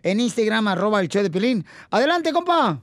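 A man with a Mexican accent hosting a radio show, trading jokes fast and laughing with the crew. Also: high-pitched, very animated. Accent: Mexican Spanish. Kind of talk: joking radio banter.

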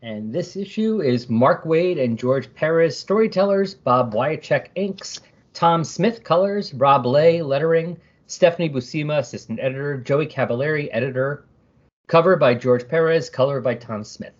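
Husky-voiced man discussing comics. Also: fairly high pitch, normal speed, dull audio. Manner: chatty, reads comic captions aloud. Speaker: podcast co-host. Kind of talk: casual comic book discussion.

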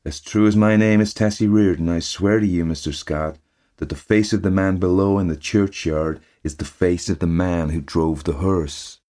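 A man's voice: low-pitched, steady tone, moderate pace, dark tone, natural voice. Man reading an earnest young woman.

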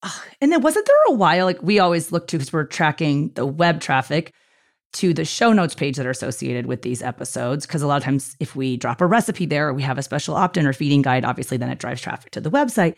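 Creaky-voiced chatty woman host. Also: deep voice, sing-song. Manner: fast-talking and chatty, laughs often. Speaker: podcast host. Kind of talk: casual podcast chat.

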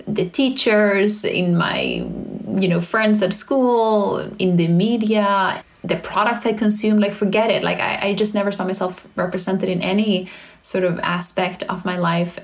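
A woman raised in Sweden talks easily about her work as a founder. Her speech is conversational and loose, full of "like" fillers, and sits at a middle pitch. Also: expressive, a little slow. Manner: chatty, frequent "like" fillers. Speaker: brand founder. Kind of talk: casual interview conversation.

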